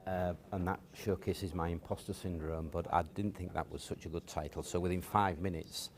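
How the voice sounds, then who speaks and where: A man, a guest telling stories from his upbringing in a relaxed, hesitant way with many fillers. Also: low voice, moderate pace, slight background noise. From Cottingham, near Hull, England. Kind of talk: casual storytelling interview.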